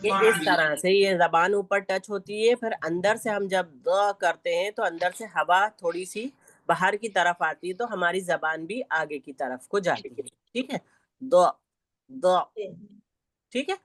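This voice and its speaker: A woman teaching Quran recitation in an online class, patiently repeating each sound slowly for her students to copy. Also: lowish voice, a bit bright, no echo. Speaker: Tajweed teacher. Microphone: online class audio.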